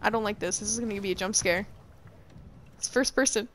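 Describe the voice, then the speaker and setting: A woman giving excitable let's play commentary on a horror game, swearing, laughing and fangirling. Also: medium pitch, brisk, noisy background. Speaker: gamer playing a horror game.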